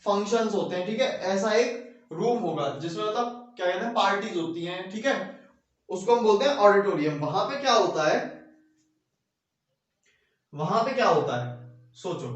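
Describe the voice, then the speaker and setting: A male teacher giving a classroom lecture with a Hindi accent, repeating phrases and checking in with his class, slowing down to dictate notes. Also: high-pitched, animated, highs cut off. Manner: repeats phrases, keeps asking "ठीक है"; slows down while dictating notes. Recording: very echoey room, mic far off.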